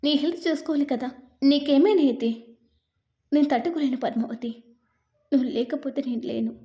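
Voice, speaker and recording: A woman's voice: high-pitched, moderate pace, mellow, close to an everyday voice. A woman voicing a short-tempered young husband in a read-aloud story, teasing and exasperated.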